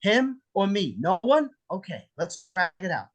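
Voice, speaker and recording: A man's voice: sits high, big pitch swings, unhurried. A man playing a menacing, jealous armed husband in a script read, sarcastic, theatrical and profane. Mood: suspicious. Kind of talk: table read of a film script. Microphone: video call.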